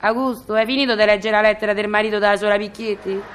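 An actress in a radio comedy playing a chatty, sarcastic middle-aged Roman doorkeeper with a Roman accent. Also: female voice, mid-range voice, steady tone, fast, clear, resonant tone, natural voice. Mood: gossipy. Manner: chatty, sarcastic, mock-polite on the phone. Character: gossipy sharp-tongued Roman woman doorkeeper.

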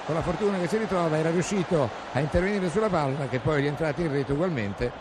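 A man with an Italian accent giving live football play-by-play, with excited goal commentary that surges at shots. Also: a little high, fast. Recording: noisy outdoor stadium recording.

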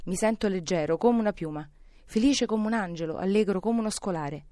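Woman playing an elderly man giddy with joy, raised and excited voice, loud exclamations, dry close sound, audiobook character. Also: mid-range voice, brisk, no echo, close to an everyday voice. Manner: exclaiming, breathless, laughing and crying at once.

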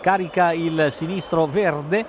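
High-pitched breathless man calling goals. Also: slow pace. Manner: breathless, excited, urgent delivery. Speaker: football radio commentator. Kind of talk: live goal commentary. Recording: dull lo-fi broadcast, loud stadium crowd. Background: stadium crowd noise.

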